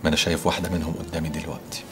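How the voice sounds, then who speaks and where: An actor playing a smooth, flirtatious pilot with an Egyptian Arabic accent, in a TV drama. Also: male voice, a bass voice, level tone, very fast, background noise.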